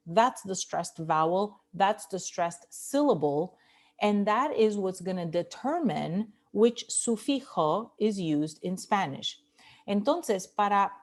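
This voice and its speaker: A woman with a medium-pitched, slightly mellow voice lectures on Spanish grammar, moving between Spanish and English and slowly repeating words to show where the stress falls.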